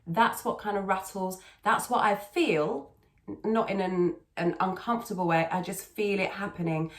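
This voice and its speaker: A woman with a mid-pitched voice gives a conversational singing lesson in a roomy, echoing space. She explains technique step by step like a teacher and repeats key words for emphasis. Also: normal speed. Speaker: singing teacher and video host. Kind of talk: conversational vocal technique tutorial. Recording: echoey, roomy sound.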